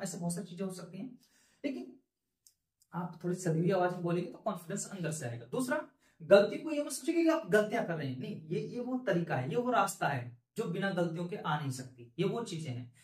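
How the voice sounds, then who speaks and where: A man's voice: sits high, darkish tone. A male spoken English teacher giving an earnest, encouraging lesson talk to learners, repeating his points with rising emphasis. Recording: echoey room.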